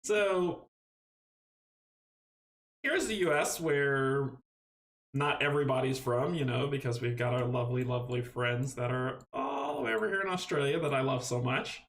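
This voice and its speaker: Answering viewer questions on a relaxed live stream, a young man from Guyana talks in a mid-range, fairly bright voice. He's upbeat and rambling, often self-correcting by starting sentences over.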